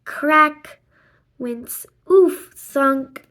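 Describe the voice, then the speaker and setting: A woman narrates a children's graphic novel aloud, deliberately acting out the dialogue and sound effects with lots of expression. Her voice is high and fairly bright.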